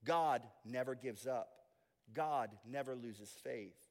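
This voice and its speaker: A man preaching a sermon as pastor, moving between soft, intimate asides and loud, emphatic declarations. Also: mid-range voice, takes it slowly, big-room sound.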